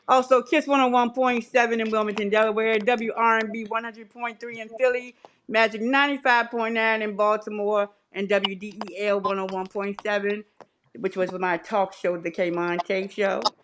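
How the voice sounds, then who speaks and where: A woman's voice: mid-range voice, a little hiss or hum. A middle-aged woman media personality introducing herself on a talk show, speaking through a face mask. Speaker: radio and TV host, media personality.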